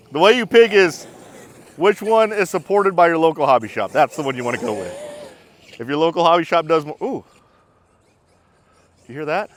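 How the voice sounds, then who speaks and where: A man doing casual outdoor vlog commentary about RC cars, excited, exclaiming and laughing as he drives. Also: on the high side. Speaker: RC car vlogger.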